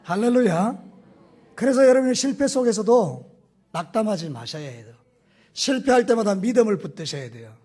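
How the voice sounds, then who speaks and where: A male pastor preaching a sermon, animated and putting questions to the congregation, with folksy, humorous stories. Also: high voice, brisk.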